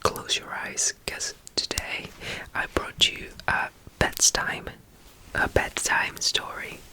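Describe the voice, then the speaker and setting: In a low-quality recording, an ASMR performer plays a caretaker, whispering gently and soothingly at a slow pace. She repeats tender phrases and reads a bedtime story aloud.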